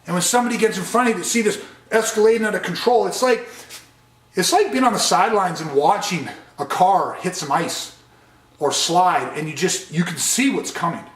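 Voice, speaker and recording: Male trainer lecturing, emphatic and earnest, high voice, roomy echo. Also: fairly quick. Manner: earnest, emphatic, repeats key points. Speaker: de-escalation trainer.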